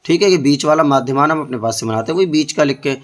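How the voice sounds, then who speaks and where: A man's voice: fairly high pitch, quick pace. A male math teacher working through board-exam problems step by step, often putting questions to his students. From India. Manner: explains step by step, keeps asking the students questions. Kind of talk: board-exam tutoring lesson.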